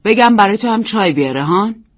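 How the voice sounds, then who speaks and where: A woman voicing a brisk, bossy hostess who talks loudly and commandingly. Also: medium pitch, animated, close to an everyday voice. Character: brisk, bossy hostess calling to her maid.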